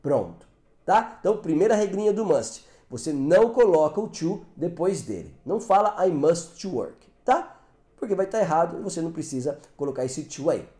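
Casual: brazilian guy teaching english grammar, lively up-and-down voice, kinda mellow tone, echoey room. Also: a little high, fairly quick. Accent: Brazilian Portuguese. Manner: explanatory, often checks in with "tá?". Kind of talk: online English grammar lesson.

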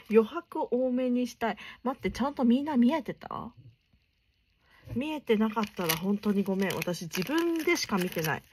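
A young woman talks her way through an unboxing at a hushed, late-night volume. She gushes softly over each item, her mid-range voice slipping into near whispers now and then. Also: mid-range voice, background noise. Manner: soft-spoken, chatty, keeps voice down late at night; gushing, often murmurs in near whispers. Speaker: stationery unboxing vlogger. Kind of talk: casual unboxing chat.

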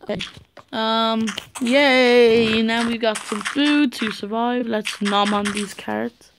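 A woman's voice: on the high side, fairly even intonation, slow pace. A tired teenage girl from Ireland, rambling through casual gameplay commentary with mumbled asides and sing-song chanting. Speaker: gamer. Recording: noisy home recording with clicks.

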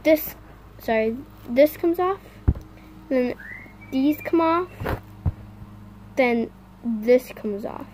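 Woman doing an unboxing vlog, high pitched and slow, kinda complainy, talks right at viewers w faint background hum. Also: lively intonation, a little mellow. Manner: complaining, halting, addresses viewers directly. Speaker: vlogger. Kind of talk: casual unboxing chat to viewers.

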